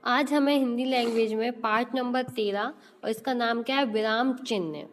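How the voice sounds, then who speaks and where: High-voiced woman teaching an online class. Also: moderate pace, big-room sound, slight background noise. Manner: explains then quizzes children with repeated questions. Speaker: school teacher.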